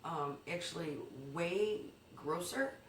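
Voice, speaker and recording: A woman's voice: on the low side, takes it slowly. A woman tells a made-up news story in a playful, loose way, stumbling over ums and dropping swear words. Her voice sounds roomy and a little distant, with faint noise in the background. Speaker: comedy news co-host. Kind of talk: comedic mock news story.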